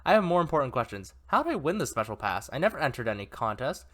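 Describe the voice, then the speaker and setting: Guy reading a game novel out loud, chatty, lots of little asides, pitch all over. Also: sing-song, fast. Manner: chatty, self-correcting, laughs at own mistakes. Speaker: story reader and commentator.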